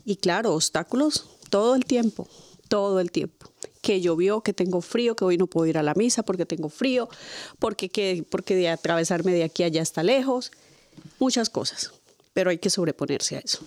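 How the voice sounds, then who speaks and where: Una mujer invitada que habla de su fe con sinceridad, con viveza y repitiendo para enfatizar. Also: female voice, on the low side, normal speed, dry recording. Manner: earnest, lively, repeats for emphasis. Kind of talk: casual religious chat.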